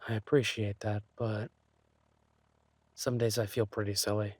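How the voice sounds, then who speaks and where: A man playing an insecure, lovesick thief boyfriend in a romantic audio role-play, speaking haltingly and tenderly. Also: lowish voice, flat delivery, dry recording. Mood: insecure, downcast. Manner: hesitant, halting, sighing delivery.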